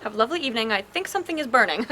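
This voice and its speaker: A woman's voice: fairly high pitch, lively intonation, very fast, bright, forceful tone, slight background noise. An actress playing a haughty, prim young woman who speaks in stiff, formal phrases and turns indignant easily. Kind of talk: comedy web series acting.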